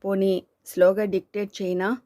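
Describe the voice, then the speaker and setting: Woman reader playing male writer, devoted husband, idealistic, tender, earnest, flat delivery. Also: mid-range voice, moderate pace, close to an everyday voice.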